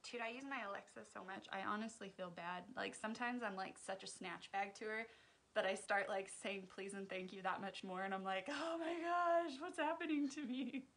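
A woman's voice: medium pitch, fairly even intonation, brisk, vocal fry, fairly bright tone. Chatty joking woman doing makeup. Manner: chatty, joking, laughs at her own jokes. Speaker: makeup tutorial host. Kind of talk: casual livestream makeup tutorial. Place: at home.

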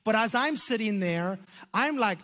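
A man in his fifties from Ireland with an Irish accent, preaching a sermon on a church stage through a headset mic, animated, with slow, dramatic emphasis on key words. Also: high voice. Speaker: pastor. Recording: long hall reverb.

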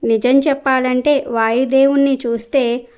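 A woman voicing a proud, boastful silk-cotton tree that talks loudly and arrogantly in a told folktale. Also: high-pitched, little pitch movement, measured pace, smooth.

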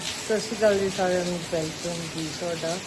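A woman with a Punjabi accent chatting casually to her channel as a vlog host, repeating herself in an expressive, exclaiming way. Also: fairly low pitch, quick pace. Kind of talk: casual home vlog narration. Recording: noisy, rain sound behind the voice. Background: rain falling.

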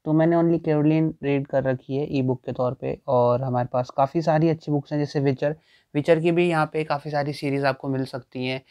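Browsing the crowded shelves of a small indoor bookstore, a young booktuber thinks aloud in a casual walkthrough vlog. His slightly high voice is steady, a little fast, darkish, clear and resonant, and the recording is dry.

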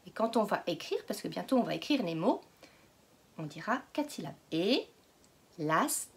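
A woman teaching a phonics lesson to young children, stretching out each word slowly and patiently asking questions. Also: mid-range voice, very animated, breathy edge. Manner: slow, exaggerated word pronunciation. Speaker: kindergarten teacher.

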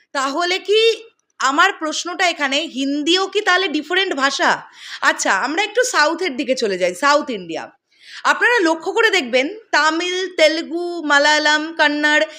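A young woman with a Kolkata Bengali accent talks straight to her viewers in casual commentary. Her voice sits very high and rings bright and forceful. She argues in an animated, rhetorical way, full of questions. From West Bengal, India. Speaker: content creator.

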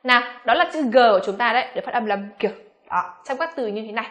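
Bright-voiced woman teaching pronunciation. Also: a little high. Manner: addresses learners as "các em", frequent rhetorical questions; slows down to model English words slowly. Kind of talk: classroom-style pronunciation lesson.

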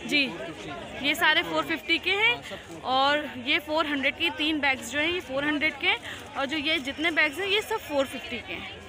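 Touring a bustling outdoor street market, a Pakistani woman speaking with an Urdu accent talks to her viewers and checks prices with vendors. She speaks at a normal pace in a high-sitting voice. The sound is crowded market noise, with people talking and traffic behind her.

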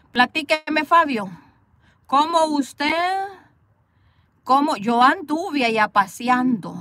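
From inside a parked car, a chatty Salvadoran woman with a high, somewhat bright voice livestreams to viewers, reading their comments aloud. She is playful, laughs often, and answers commenters back.

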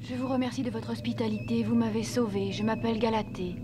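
A woman's voice: on the high side, fairly even intonation, quick pace, natural voice. Stiff, detached alien woman played by an actress. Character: cold, mysterious robotic alien young woman. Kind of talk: dramatic cartoon dub. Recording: loud music behind.

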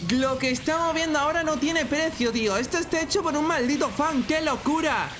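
A man with a Spain Spanish accent giving excited reaction commentary as a streamer, full of exclamations and outbursts. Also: very high voice, a little fast, over music. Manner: excitable, frequent exclamations and shouts. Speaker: streamer reacting to a fan animation.

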